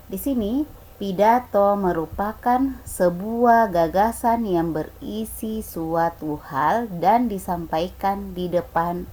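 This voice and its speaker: Slow, patient woman teacher. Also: medium pitch, a little mellow, low-quality recording. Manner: patient, repeats points and asks rhetorical questions. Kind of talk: slow online class explanation.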